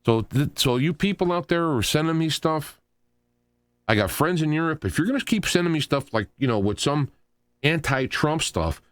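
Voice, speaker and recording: This fairly high-pitched voice belongs to a middle-aged or older American radio talk show host. He rants about politics off the cuff, arguing animatedly and with emphasis, and there's no room sound at all.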